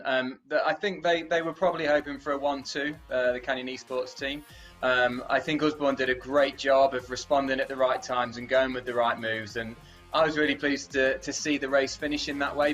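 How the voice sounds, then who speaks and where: A man's voice: medium pitch, fairly bright tone. Chatty man co-commentating cycling. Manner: chatty, repeats words while thinking.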